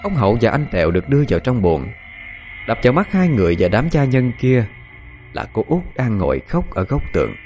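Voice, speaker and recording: A man telling a dramatic ghost story in an expressive storytelling manner. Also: fairly low pitch.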